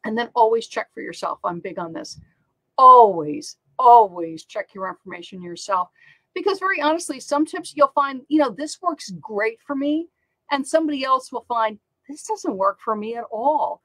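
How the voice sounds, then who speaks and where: A woman's voice: fairly high pitch, animated, normal speed, dry recording, low-quality recording. A middle-aged woman hosting a channel on online selling, talking casually and upbeat with many fillers and repeated words. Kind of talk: casual talk to camera.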